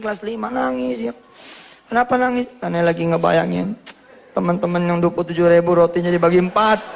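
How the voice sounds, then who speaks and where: A man from preaching a sermon in a lively storytelling way, acting out the dialogue of his story in changing voices. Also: high-pitched, gravelly. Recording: echoey hall with long reverb.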